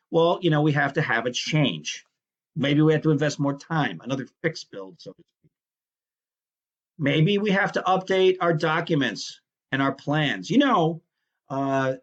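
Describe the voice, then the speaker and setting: A male instructor with a voice on the high side gives a recorded lecture on project management, explaining in a conversational way and often correcting himself mid-sentence. The sound is lo-fi.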